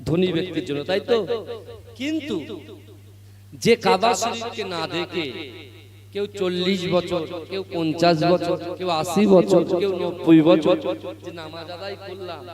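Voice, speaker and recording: A man preaching a sermon, chanting verses and calling on the crowd to answer aloud, moving from quiet talk to loud preaching. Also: sits high, measured pace. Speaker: Islamic preacher. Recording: echoey live PA sound with crowd.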